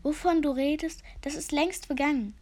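A woman voicing a gloomy, self-important old male raven sage with a croaking voice and a grave, solemn way of speaking. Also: high-pitched, steady tone, normal speed, darkish tone, voice pushed up, natural voice. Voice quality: croaking, rasping.

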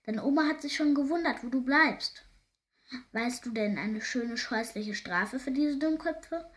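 Storybook role: a fierce, hearty pirate mum, as a woman puts her on, quick and high. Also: animated, a bit bright, distant mic. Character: wild fearsome pirate mother, hearty. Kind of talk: storybook reading.

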